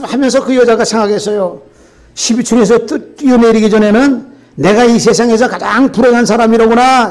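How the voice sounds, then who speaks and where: An older man preaching a sermon as pastor, telling a story in an animated way and often checking in with the congregation. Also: sits high, vocal fry.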